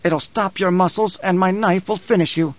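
Man doing a treacherous male duelist, gloating hiss, raised pitch, dry studio read. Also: steady tone, normal speed, dry recording, close to an everyday voice. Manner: hissing, gloating whisper. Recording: dull, dry studio recording.

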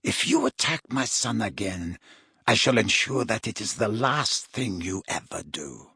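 A man voicing a haughty aristocratic mother in a storybook, speaking coldly, smoothly and with deliberate menace. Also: on the low side, steady tone, fairly bright tone, dry recording, studio quality, voice pushed down. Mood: cold threat. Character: cold, haughty aristocratic mother, quietly threatening.

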